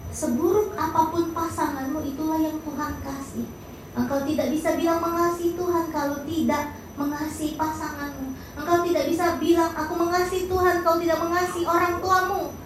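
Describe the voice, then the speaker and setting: A woman pastor preaching a sermon in an animated way, acting out quotes and asking the congregation questions. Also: very high voice, a little fast, very echoey, slight background noise, low-quality recording.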